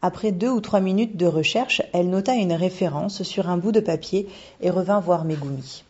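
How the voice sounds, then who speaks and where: A woman calmly narrating a storybook in a measured reading, with a dull lo-fi sound. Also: fairly low pitch, husky. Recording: dull lo-fi recording.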